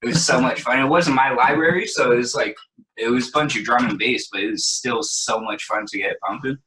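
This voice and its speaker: A man's voice: medium pitch, brisk, sharp tone, low-quality recording. A young man chatting casually as a guest, laid-back and rambling, with lots of fillers. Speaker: guest DJ and producer. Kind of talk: casual chat.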